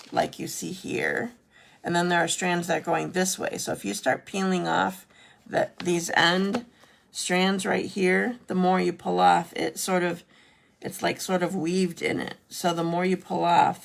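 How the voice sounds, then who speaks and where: Lady doing a live card-making demo, super gravelly fry, chats with viewers and fixes her own words as she goes. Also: on the low side. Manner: chatty, self-correcting, answers viewer comments. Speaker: craft demonstrator hosting a live stream. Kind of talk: casual live craft demo.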